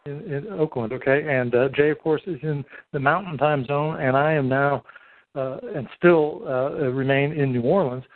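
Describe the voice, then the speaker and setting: A slightly high, evenly pitched voice belongs to a middle-aged man hosting a podcast over a three-way telephone call. The line sounds tinny but has no echo, and his casual talk is hesitant, wordy and halting.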